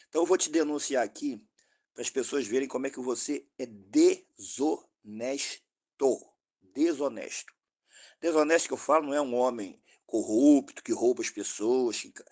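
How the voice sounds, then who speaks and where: Combative Brazilian apologetics host. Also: male voice, medium pitch. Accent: Brazilian Portuguese. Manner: combative, direct, addresses opponent. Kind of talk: apologetic rebuttal monologue.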